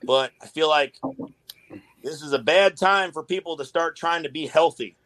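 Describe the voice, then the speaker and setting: A man's voice: fairly high pitch, moderate pace, fairly bright tone, no echo. A man in a casual podcast chat, talking in a laid-back, rambling way with lots of swearing. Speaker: guest, tattoo artist.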